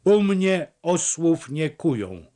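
A man voicing a loud, boastful, hungover young village blacksmith who talks gruffly and boisterously. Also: medium pitch, big pitch swings, takes it slowly.

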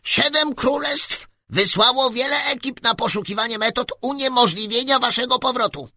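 A man voicing a tiny fanged creature ruler who speaks through a megaphone in a squeaky, gloating voice of grand threats. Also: normal speed, sharp tone, no echo, heavily acted. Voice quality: squeaky, piping little voice.

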